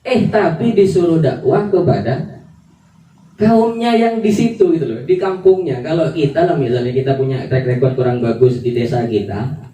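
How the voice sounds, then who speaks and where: A man's voice: a little high, normal speed, dark tone. A man preaching a casual sermon, chatty and informal, asking questions and answering them himself. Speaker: Islamic preacher. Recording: roomy, distant mic with faint ambience.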